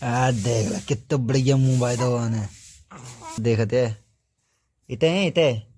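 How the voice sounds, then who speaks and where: A man, coaxing a baby in a casual home vlog with slow, repetitive baby talk. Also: medium pitch, a little mellow. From Uttar Pradesh. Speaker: vlogger.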